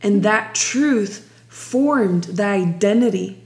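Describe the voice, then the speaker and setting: With a mid-range, animated voice, a young woman from Ukraine shares her faith testimony in an interview. She's slow and reflective, restarting her sentences many times.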